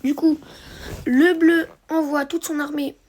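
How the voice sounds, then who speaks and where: A woman's voice: high voice, level tone, unhurried, darkish tone. A woman narrating a strategy game replay for viewers, hesitant, with many fillers and self-corrections. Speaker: gameplay commentator.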